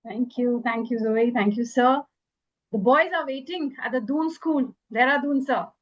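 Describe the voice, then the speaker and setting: A woman's voice: fairly high pitch, unhurried, lo-fi sound. A woman with an Indian accent moderating an event in a polite, formal manner.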